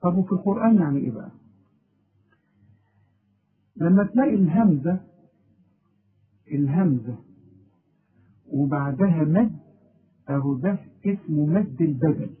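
A man's voice: on the high side, animated, moderate pace, pauses often, husky. A man with an Egyptian Arabic accent teaching a recitation lesson, asking and then answering his own questions and stressing key words. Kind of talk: explanatory lesson. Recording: tinny phone-like audio.

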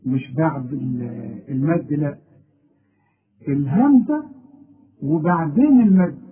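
A man's voice: fairly high pitch, breathy edge. A man with an Egyptian Arabic accent teaching a recitation lesson, asking and then answering his own questions and stressing key words. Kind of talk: explanatory lesson. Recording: tinny phone-like audio.

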